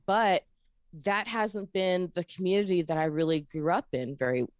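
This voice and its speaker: A woman's voice: fairly low pitch, normal speed, clean tone, no echo. A woman from Florida, an upbeat and chatty podcast producer who tells stories and laughs often as an interview guest. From Florida, USA. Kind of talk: casual interview chat.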